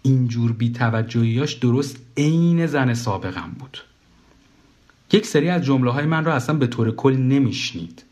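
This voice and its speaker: A man's voice: mid-range voice, lively intonation, a little mellow. A man reading a comic first-person story aloud as the narrator, in a dry, wry tone.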